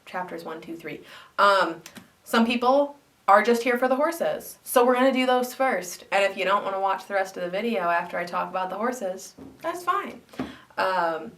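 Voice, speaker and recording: A woman's voice: mid-range voice, lively intonation, moderate pace, a bit bright, far from the mic. A young woman vlogger, congested after flu, chatting casually about her hobby with many ums and likes. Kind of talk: casual chat to camera.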